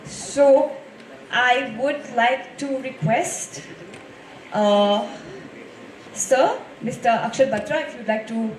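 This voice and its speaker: A woman's voice: on the high side, takes it slowly, pauses often, slight background noise. A woman hosting a school event, addressing an audience in a polite, formal way. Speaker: event host quizzing schoolchildren. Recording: roomy hall sound, distant microphone.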